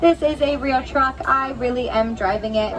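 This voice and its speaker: A woman with an American accent giving an emphatic, rehearsed spoken tour as a safari guide and driver. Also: normal speed. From Pennsylvania, United States. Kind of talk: spoken tour commentary to passengers. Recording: distant, noisy recording aboard a rumbling truck.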